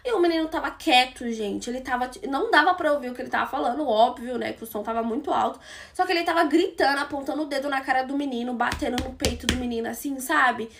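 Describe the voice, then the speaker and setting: High-voiced gossipy young Brazilian woman. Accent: Brazilian Portuguese. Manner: chatty, gossipy, addresses listeners as friends. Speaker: storyteller. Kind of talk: casual storytelling to followers.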